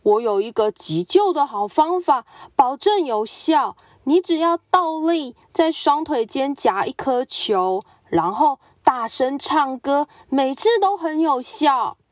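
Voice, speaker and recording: A woman voicing a sporty crocodile who speaks loudly and confidently. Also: high-pitched, expressive, takes it slowly, few pauses, dry recording, studio quality, voice pushed up. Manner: loud, confident.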